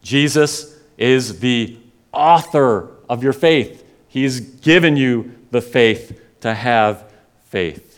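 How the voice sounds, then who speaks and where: Male pastor, measured sermon delivery, earnest and pleading with emphatic swells. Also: medium pitch, smooth. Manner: earnest, pleading, rises to emphatic peaks then drops quiet.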